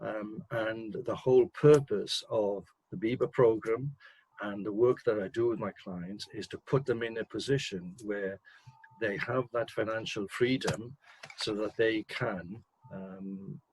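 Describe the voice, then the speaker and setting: An older man, a managing director, answering interview questions in a measured, hesitant way, clearing his throat between points. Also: lowish voice, steady tone, a little mellow, rough recording.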